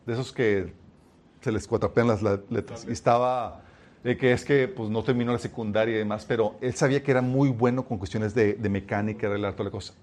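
A man's voice: fairly low pitch, fairly quick. A young man preaching a sermon, telling stories and calling his listeners "chicos". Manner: addresses listeners as "chicos", lively storytelling.

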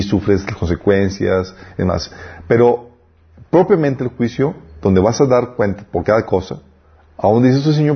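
A husky-voiced man leads a casual Bible class, talking conversationally and often asking the group to confirm what he says. The recording is muffled and lo-fi. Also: lowish voice. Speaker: Bible teacher.

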